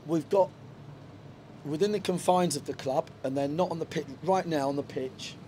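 Speaking at a normal speed in a mellow voice that's a little high, a middle-aged football manager answers frankly after the match. The interview happens in a stadium dugout on a handheld reporter mic, with slight background noise, and his speech is full of fillers and restarts.

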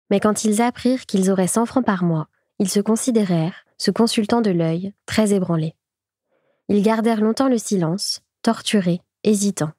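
A woman reading a classic short story aloud in even, clear storytelling narration. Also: medium pitch, no echo, clean studio sound. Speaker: audiobook reader. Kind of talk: scripted literary narration.

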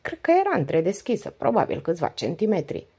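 A woman's voice: on the low side, huge pitch swings, darkish tone, breathy edge, full character voice. A woman reading the part of a devoted, weary wife in her late forties who confides in long, flowing speech. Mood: confiding. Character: 48-year-old wife, talkative, devoted, weary.

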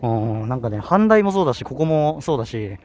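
Young male vlogger, Kanto accent, rambling and self-correcting, mid-pitched, light outdoor hiss. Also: very animated, brisk, a little mellow. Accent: Kanto Japanese. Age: young adult. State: slightly out of breath. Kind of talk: casual walking vlog. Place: outdoors on a hilly university campus. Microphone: handheld camera.

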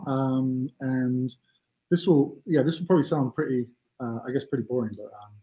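A Mancunian man in his forties speaks as an interview guest over a webcam call. His voice is dark and mellow, and he talks casually, hesitantly and with self-deprecating asides. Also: mid-range voice, normal speed, poor audio. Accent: Mancunian English. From England. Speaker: CEO guest. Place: home office room. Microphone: video call webcam.

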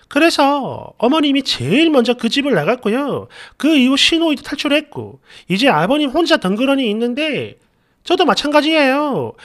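A woman reads a first-person story with indignant exasperation, throwing rhetorical questions at her listeners. Her voice is high and swings widely in pitch. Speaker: story narrator.

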